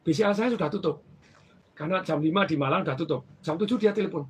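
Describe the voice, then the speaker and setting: A man telling stories from his banking career in casual conversation, animated and acting out the people in them. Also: fairly high pitch, fast talker, breathy edge. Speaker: former bank branch manager.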